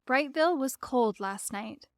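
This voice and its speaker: A reader voicing Roz, a polite female robot who speaks in plain, literal, evenly measured sentences for an audiobook. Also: sits high, lively intonation, no room sound, studio quality, full character voice. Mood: calm literal. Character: calm polite female robot, learning to be friendly. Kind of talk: audiobook character voice.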